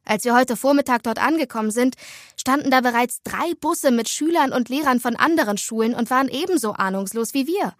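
Woman doing a bubbly teen girl in a storybook, playful and teasing, kinda high, dry close mic. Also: animated, no room sound. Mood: chatty. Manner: bubbly, quick, dramatic. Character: lively chatty teenage schoolgirl, teasing and playful. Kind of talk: storybook dialogue.

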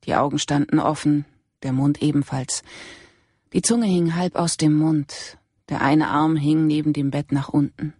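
An audiobook narrator giving a measured, even scripted reading. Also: medium pitch, husky, dry recording, studio quality. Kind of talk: scripted narration of a crime novel.

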